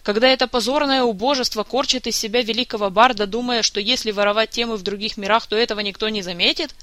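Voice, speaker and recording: Picture an injured man, hoarse and furious, hurling one curse after another at whoever is nearest, as a reader acts him out. The voice is bright and loud, recorded dry and close. It belongs to a storybook reading. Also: sits high, a little fast, no room sound. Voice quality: slightly hoarse, shouting curses. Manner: ranting, insulting, swearing. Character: furious wounded man, foul-mouthed and grumpy.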